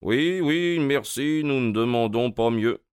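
Man playing a sharp detective, brisk, inquisitive, clear voice, dry audiobook sound. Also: medium pitch, dry recording, pitched above the performer's own voice, lightly acted. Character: sharp, quick-minded male detective.

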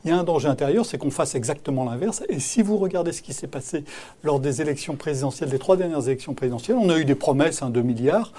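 A man's voice: a little high, lively intonation, fast talker, warm tone. A man who is an economics columnist, answering interview questions, hesitant at first and then emphatic when he argues. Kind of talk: radio interview.

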